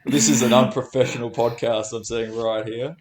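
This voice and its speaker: A man's voice: medium pitch, fairly even intonation, moderate pace. A man chatting casually on a podcast as a new member, with a playful, joking manner. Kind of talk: casual chat. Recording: roomy, echoing sound.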